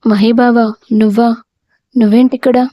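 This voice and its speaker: A woman's voice: a little high, little pitch movement, moderate pace, mellow, dry recording, studio quality, lightly acted. A woman voicing a hurt young wife and mother who speaks reproachfully. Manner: tearful, reproachful.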